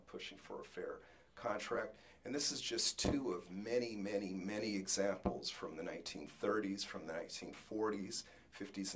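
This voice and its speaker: A man giving an academic talk with slides as a panelist, pausing often and restarting his words. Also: sits low. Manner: halting, frequent restarts and fillers; jokes about rushing.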